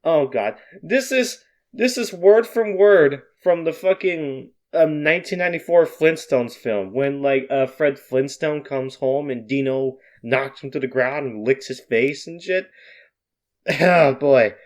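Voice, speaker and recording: A man's voice: a little high, a little slow. A young man reading and mocking his own old fan-film script, swearing and rambling through self-mocking asides. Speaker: YouTuber.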